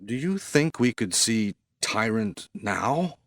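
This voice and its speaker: A stiff, gruff soldier. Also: male voice, fairly low pitch, big pitch swings, slow, a bit bright, dry recording, studio quality, heavily acted. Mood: earnest. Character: gruff male weapons-expert soldier. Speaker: game character. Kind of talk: 1990s video game voice acting. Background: music.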